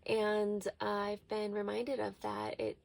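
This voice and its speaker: A woman's voice: mid-range voice, monotone, slow, vocal fry, darkish tone. A woman speaking inside a small RV trailer, giving a casual, earnest and reflective spiritual check-in as a tarot reader.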